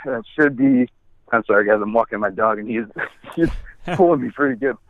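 This guest, an app founder in his forties, is walking his dog as he calls in over a tinny phone line. His mid-range voice runs fairly quick with no echo. The conversation is relaxed, full of do-overs and lots of swearing.

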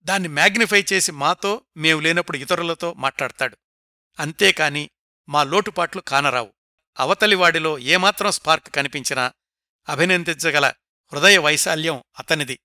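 Male narrator, fairly high, very bright tone; scripted biography read, dry close mic. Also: moderate pace, no room sound.

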